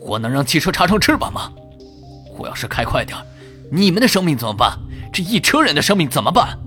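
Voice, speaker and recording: A man's voice: on the high side, big pitch swings, fast talker, bright, forceful tone, faint music behind, pitched above the performer's own voice, exaggerated voice. A man voicing an irritable middle-aged ambulance driver who talks bluntly and scolds, in a storytelling performance. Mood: exasperated. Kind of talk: storytelling voice acting.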